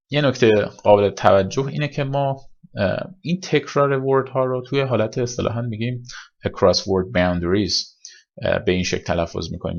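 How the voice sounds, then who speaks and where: A man teaching English pronunciation in a recorded lesson, explaining step by step and repeating examples slowly. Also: fairly low pitch, creaky, highs cut off.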